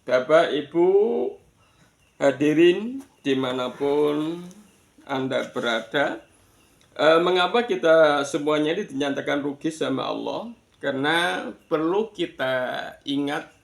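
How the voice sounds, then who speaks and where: A man giving an explanatory religious lesson, deliberate, pausing between short phrases and repeating words for emphasis. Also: a little high, gravelly. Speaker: Islamic religious teacher. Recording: echoey room.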